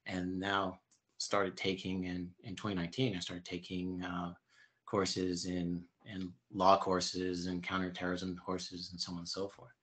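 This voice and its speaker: Very deep-voiced man in his fifties. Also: completely flat delivery, a bit bright. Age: 50s. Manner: explanatory, halting. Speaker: interview guest. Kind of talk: conversational interview answers.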